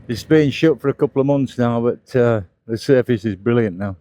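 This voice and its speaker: Riding a scooter on outdoor roads, a middle-aged British motovlogger keeps up a casual, plain-spoken running commentary. His voice is medium-pitched and mellow at a normal speed, with no room sound.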